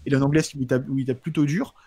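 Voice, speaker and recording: A man chatting casually like a combat sports commentator on a livestream, informal and halting, with a lisp that makes his s sounds slushy. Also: medium pitch, fairly even intonation, darkish tone, slightly rough. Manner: informal, halting with repeated words and slang. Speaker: professional MMA fighter answering viewer questions.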